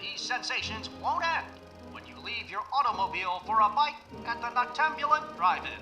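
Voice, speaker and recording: A man playing a peppy 1930s newsreel announcer, narrating in a brisk, showy promotional way over faint music. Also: very high voice, lively intonation, highs cut off. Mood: upbeat promotional.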